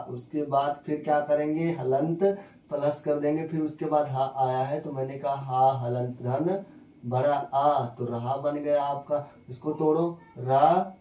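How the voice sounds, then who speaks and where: A man teaching a spelling lesson, repeating himself and firing quick questions at his viewers. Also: medium pitch, warm tone, lo-fi sound. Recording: echoey room, voice from a distance.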